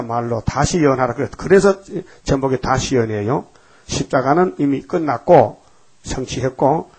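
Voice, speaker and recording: Gravelly male preacher. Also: medium pitch, darkish tone. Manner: folksy, emphatic preaching with rhetorical questions to the congregation. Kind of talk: sermon.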